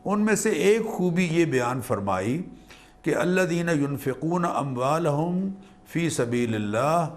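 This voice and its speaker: A man, a religious scholar on a TV program, explaining scripture in a measured, learned manner and weaving in Arabic quotations. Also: on the high side, expressive.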